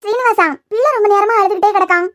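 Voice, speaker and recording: Cartoon grandma voiced by a woman, very high and bright, fast nagging Kanyakumari accent. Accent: Kanyakumari Tamil. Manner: scolding, nagging. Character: bossy old grandmother, sharp-tongued mother-in-law. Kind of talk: cartoon serial voice acting.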